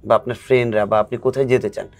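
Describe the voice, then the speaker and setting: Guy explaining language stuff patiently in a chat, gives examples, normal pitch. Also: flat delivery, very fast. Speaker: English-speaking coach, guest. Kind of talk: casual explanatory interview.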